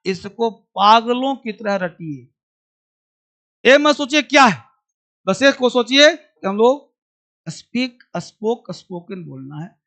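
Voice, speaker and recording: A man's voice: very high voice, lively intonation, takes it slowly, long pauses, fairly bright tone. A man teaching English to a class, drilling verb forms aloud and answering his own questions. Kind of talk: classroom lesson.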